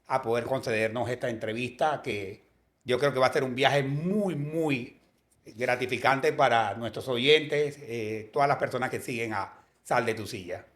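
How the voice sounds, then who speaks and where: A man co-hosting a podcast, interviewing a guest in an effusive, drawn-out way. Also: mid-range voice, a bit bright. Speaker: podcast co-host.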